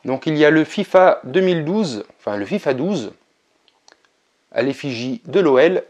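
A man narrating a casual vlog, relaxed and chatty, with frequent hesitations. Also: on the high side, normal speed. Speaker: video game collector vlogger.

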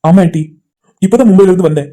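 An earnest, loyal young man in a cartoon, voiced by a woman with a lowered voice. He talks quickly and plainly, and it is all a little urgent. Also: dark tone, close to an everyday voice. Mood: hurried.

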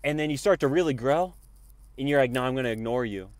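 A young man with a mid-range, darkish voice talks quickly, preaching emphatically into his phone from a parked car. He's a spiritual vlogger doing a preachy selfie monologue, holding the phone at arm's length and using an earphone mic, with no room sound, and he says "y'all" a lot.

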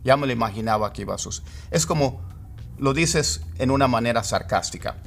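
A man teaching English idioms. He explains patiently and repeats phrases slowly, word by word. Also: medium pitch, animated, creaky, fairly bright tone, slight background noise. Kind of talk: Spanish-language lesson on English idioms.

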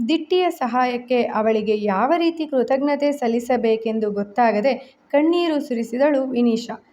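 A woman narrating a novel as storyteller, reading at a measured, steady pace. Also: sits high, dull audio, a little hiss or hum.

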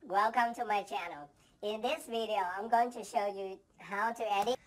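A man's own voiceover intro, played back with its pitch raised into a robot-like voice. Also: fairly bright tone, low-quality recording. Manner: measured, scripted welcome. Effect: pitch shifted up into a robot-like voice.

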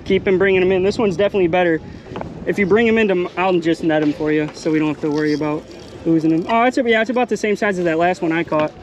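A young man in his twenties giving chatty, excited running commentary while fishing from a small boat, recorded on a body-worn action camera. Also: sits high, racing, a little hiss or hum. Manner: excited, chatty, calls viewers "guys" and "bro". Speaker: fishing vlogger host. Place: outdoors on a small boat on a bay. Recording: music playing underneath.

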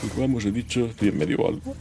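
A man with a very low, gravelly voice chats and jokes through a let's-play. He talks straight to the game as he builds. Loud game music plays underneath. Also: lively intonation, fast. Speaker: gameplay streamer. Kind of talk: casual let's-play commentary.

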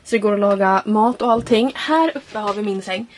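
This road trip vlogger, a woman in her 20s, speaks in a mid-range voice as she chats casually to camera. Filming happens in and around a camper van and car on a handheld camera, with clear background noise in the audio.

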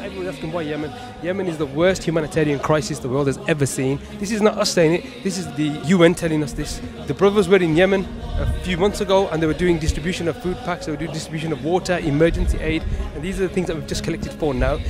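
A man's voice: a little high, fast talker, hardly any pauses, music in the background. A man from a charity talking energetically and directly to viewers in a casual vlog. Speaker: charity worker.

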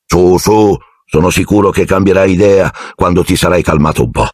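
A man's voice: deep voice, steady tone, normal speed, a little mellow, no echo, clean studio sound. A man voicing a fussy, jovial middle-aged minister who talks to a boy in a genial, patronizing and evasive way.

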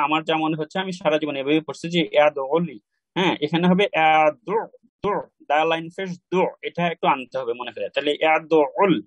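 A man's voice: fairly high pitch, fairly bright tone, dry recording, low-quality recording. Patient man teaching recitation. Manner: patient, repeats pronunciations slowly for learners. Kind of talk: online class instruction.

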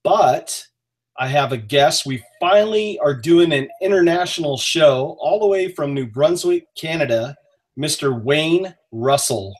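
A man from northern Maine hosting a casual live-stream chat over a webcam from a small home office, talking in a relaxed, friendly way with frequent pauses. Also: on the high side. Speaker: host. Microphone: webcam on a video call.

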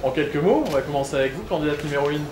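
A man's voice: on the high side, racing. A middle-aged man hosting a pageant event, announcing to a live audience in an upbeat way with many filler sounds. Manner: upbeat, with frequent "euh" fillers. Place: event hall with a sponsor backdrop. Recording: echoey room, camera far off, background noise.

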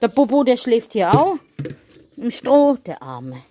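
A middle-aged German woman with a lilt talks through her vlog in a chatty, animated way. Her pitch leaps and dips freely as she goes, and she drops into plain English now and then. She sounds like she is in a farmyard among animal pens. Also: unhurried, a little hiss or hum. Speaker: vlogger. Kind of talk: casual vlog chat.

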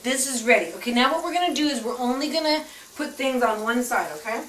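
This cooking-show host talks fast in a high-pitched voice, folksy and chatty, checking with "okay?" while she demonstrates at home. She sounds far from the mic in an echoey kitchen, with loud clatter, sizzling pans, clinking utensils and a little hiss or hum.

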